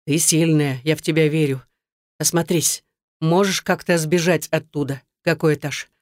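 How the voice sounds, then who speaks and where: Woman putting on a steady commanding man's voice, firm orders, lower and dry, storybook reading. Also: normal speed, no echo, lightly acted. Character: calm, firm middle-aged male rescuer on the phone.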